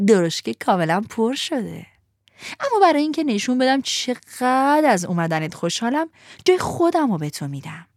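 A woman playing a purring, flattering little coachman. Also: fairly high pitch, dry recording, clean studio sound, voice pushed up. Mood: sweet. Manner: coaxing, purring. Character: fat little coachman, sweet-voiced and flattering. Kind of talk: storybook narration.

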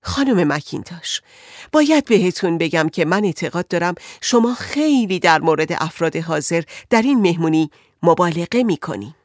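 A woman voicing a patient male doctor who speaks gently and reassuringly to a troubled patient in an audiobook. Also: fairly low pitch, expressive, no echo, clean studio sound. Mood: soothing.

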